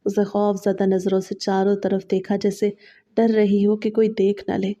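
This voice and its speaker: Dark, flat-voiced woman storyteller. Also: medium pitch. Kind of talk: scripted first-person horror narration.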